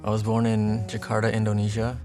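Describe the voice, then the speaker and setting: A man's voice: lowish voice, monotone, fairly quick, music in the background. A man in his twenties from Texas, a Navy veteran, speaking earnestly in a documentary interview with small restarts. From Texas, United States.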